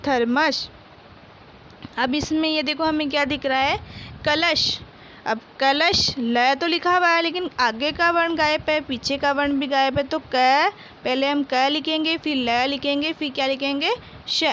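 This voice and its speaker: Speaking in a high, slightly bright voice with a Rajasthani Hindi accent, a female teacher leads a primary-school Hindi class. She goes slowly and patiently, repeating each word twice and answering the questions she asks. The lo-fi audio carries slight background noise.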